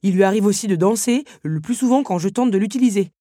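A woman's voice: medium pitch, animated, fast talker, mellow, no room sound, pitched above the performer's own voice, close to an everyday voice. A woman voicing a young duke who speaks to a friend in a dry, teasing and earnest way. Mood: confiding.

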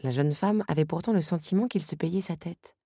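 A woman narrates a novel in a measured, even way. Her voice is low and husky, recorded dry and close with no room sound. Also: no room sound. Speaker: audiobook narrator. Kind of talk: novel read aloud.

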